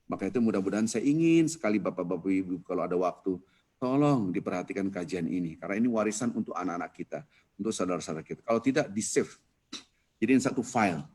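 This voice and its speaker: A man teaching an Islamic dawn lecture on a video call, telling stories with a lively, rising voice when he explains. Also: quick pace, slightly rough. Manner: lively storytelling preacher, rises in pitch when explaining. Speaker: ustadz giving a dawn study lecture.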